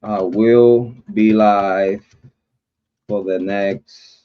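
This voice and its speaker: A Puerto Rican man whose first language is Spanish hosts a casual livestream chat, his lowish voice fairly even in intonation. He rambles and drags things out with fillers and occasional cursing, and the sound is lo-fi.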